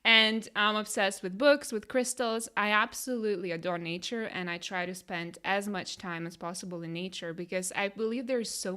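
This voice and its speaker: Bright-voiced woman with a Lithuanian accent. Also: mid-range voice. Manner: enthusiastic, laughs often, filler-heavy. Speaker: podcast co-host, coach. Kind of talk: casual podcast chat.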